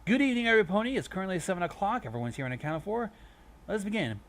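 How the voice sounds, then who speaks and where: Regal female pony princess, played by a man, formal and commanding, pitched high. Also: lively intonation, racing, fairly bright tone. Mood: stately. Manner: formal, stately announcing.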